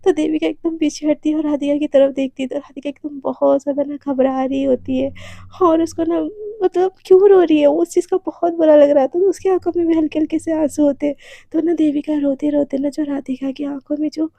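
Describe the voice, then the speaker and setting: A woman's voice: sits high, steady tone, fairly quick, gravelly, dark tone, no echo. A talkative woman telling a romance story in a casual way to her channel's listeners. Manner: chatty, talkative.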